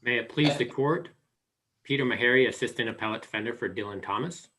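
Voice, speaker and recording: An American man giving a formal legal argument as an attorney, in a deliberate, explanatory manner. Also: mid-range voice, a bit bright, slight background noise, low-quality recording. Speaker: defense appellate attorney.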